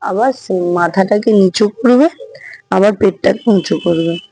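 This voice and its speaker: Hoarse woman teaching yoga. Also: mid-range voice, normal speed, warm tone, no room sound, low-quality recording. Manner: counting reps aloud while demonstrating. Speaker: yoga instructor. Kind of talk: casual yoga class instruction.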